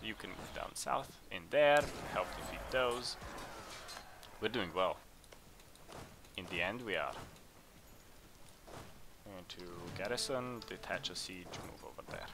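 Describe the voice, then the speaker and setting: A man hosting a let's play, chatting casually and thinking aloud as he plays, with bursts of excitement in tense moments. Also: on the low side, unhurried, pauses often, noisy background. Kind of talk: casual game commentary.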